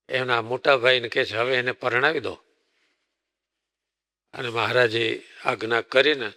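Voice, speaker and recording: A man's voice: medium pitch, pushed and bright, long reverb tail. A man, a swami preacher, telling a devotional story as a sermon and acting out the dialogue. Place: temple hall.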